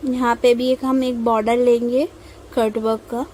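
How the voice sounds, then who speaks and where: Young indian woman, slow patient tutorial voice-over, slightly high but mellow, faint hiss behind. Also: flat delivery, low-quality recording. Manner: slow, patient explaining with frequent pauses. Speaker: mehndi tutorial host. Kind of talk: instructional voice-over while drawing.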